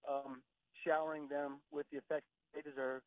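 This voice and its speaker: A man calling in to a radio show over the phone, talking in an earnest, halting way with many restarts. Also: a little high, flat delivery, no room sound. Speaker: caller. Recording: tinny phone line.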